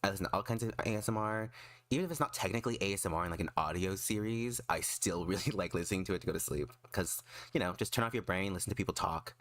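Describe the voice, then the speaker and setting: A man chatting casually on a livestream in an excitable, emphatic, self-deprecating way. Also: low-pitched, fast, dry recording. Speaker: streamer and artist.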